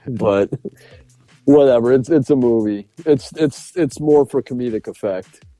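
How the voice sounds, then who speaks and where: A podcast co-host with a mid-range voice speaks a little slowly on a dry recording, soft music playing behind him. He casually talks through a film review, retelling it animatedly with lots of laughs and restarts.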